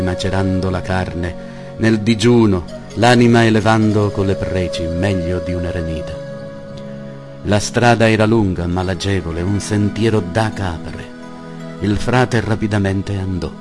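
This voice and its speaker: A man reads an old tale aloud in a deliberate, declamatory manner, with a solemn, literary style. His voice is low and he takes it very slowly. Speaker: narrator. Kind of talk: solemn scripted story narration.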